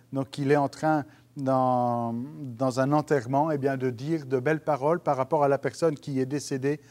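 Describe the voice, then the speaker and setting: A pastor gives an earnest video teaching for home groups, speaking in a mellow, mid-range voice. He is hesitant, full of fillers, and keeps restarting his sentences. A lapel mic picks him up on a small studio stage with a dark curtain.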